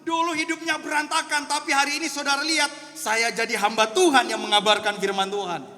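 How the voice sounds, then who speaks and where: High, bright-voiced pastor preaching. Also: male voice, level tone, fairly quick. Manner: storytelling, addresses congregation as Pak and saudara; swings from hushed to loud, fervent. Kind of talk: sermon. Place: church hall. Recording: long echo of a church hall.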